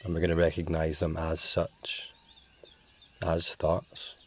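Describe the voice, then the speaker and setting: In a calm, measured tone, a man guides a meditation, speaking very slowly and leaving long pauses between phrases. His deep, steady voice barely moves in pitch. Faint birdsong plays quietly behind him, along with a slight hiss or hum.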